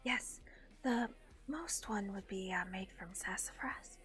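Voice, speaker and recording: A woman speaking softly and breathily in character, hesitant and formal in her phrasing. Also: mid-range voice, takes it slowly, faint music behind. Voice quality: soft and whispery. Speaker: roleplaying herbal tea expert. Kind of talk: casual in-character roleplay chat.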